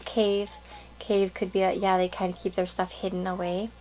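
A woman's voice: mid-range voice, level tone, moderate pace, a little mellow, slight background noise, rough recording. A woman giving a casual pick-a-card tarot reading to viewers, musing and thinking aloud in a meandering way.

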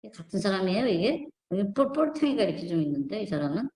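A woman hosting an online channel gives casual spoken commentary on images on screen, rambling and skeptical, full of fillers and restarts. Her medium-pitched voice is sing-song and darkish, she talks fast, and the room is echoey.

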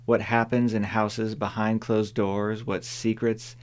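A man voicing a sharp-tongued older woman neighbor in an audiobook, dry, firm and plain-spoken. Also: lowish voice, level tone, slow pace. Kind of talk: audiobook character voice.

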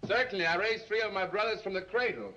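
Excitable Russian roommate who reads the stars. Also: male voice, high voice, fast talker. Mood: mournful. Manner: melodramatic, tearful, with a heavy put-on accent. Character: excitable Russian astrology-obsessed roommate, male. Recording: dull old 1930s film soundtrack with hiss.

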